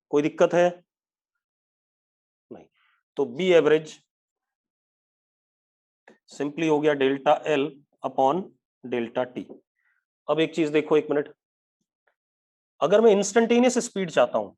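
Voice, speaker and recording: A male physics teacher giving an online live class, mixing English terms into his Hindi and dictating definitions slowly while checking whether the students follow. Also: fairly high pitch, a little mellow.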